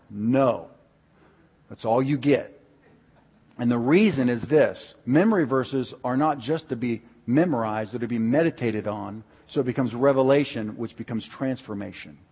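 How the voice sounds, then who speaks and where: A middle-aged man preaching a sermon as a pastor, moving from a calm telling voice up to loud, impassioned preaching. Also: medium pitch, breathy edge, big-room sound, highs cut off. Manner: builds to impassioned, near-shouting preaching. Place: church sanctuary.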